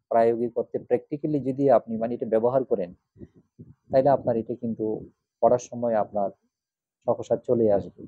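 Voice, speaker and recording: A man, a Buddhist monk, gives a spoken lesson on Pali pronunciation, slowly spelling out syllables one by one. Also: medium pitch, no echo. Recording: dry, tinny phone-like sound.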